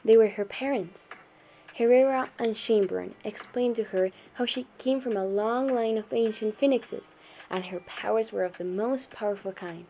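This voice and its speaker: A young adult woman reading a short story aloud in a steady storytelling manner, softening her voice for quoted lines. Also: a little high, moderate pace, slight background noise. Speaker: student reader.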